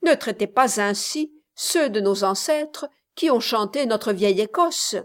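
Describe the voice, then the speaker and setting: A woman's voice: a little high, expressive, unhurried. A woman voicing a proud, offended old uncle. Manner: offended, earnest.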